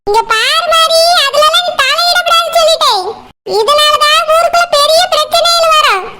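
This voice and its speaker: A woman voicing a bossy, scolding village woman in a cartoon, with a squeaky voice. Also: moderate pace, pushed and bright. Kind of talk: cartoon voice acting.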